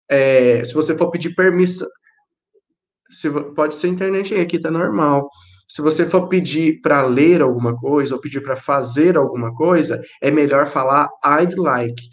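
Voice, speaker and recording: A man's voice: fairly high pitch, dull audio. A man from Brazil teaching English to children in an online class, patiently repeating and explaining.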